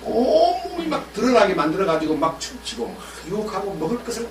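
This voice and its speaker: A man preaching a sermon as pastor, animated and asking his congregation questions while he retells scripture. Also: high voice, brisk, a little hiss or hum. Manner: animated, acts out biblical dialogue, asks the congregation questions. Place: church. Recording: echoey church room from far off.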